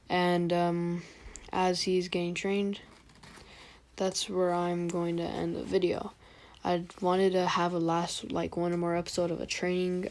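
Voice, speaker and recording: A young woman makes up a fan story as she goes, speaking in a low, very flat monotone. She rambles and stops often, filling the gaps with lots of "um" and "like."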